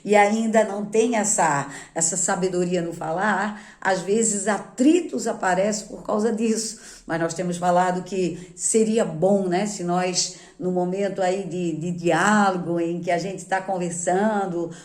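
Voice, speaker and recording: A woman pastor, teaching in a calm, measured way and often checking in with the listener through short tag questions. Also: lowish voice, roomy sound. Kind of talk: teaching on marriage.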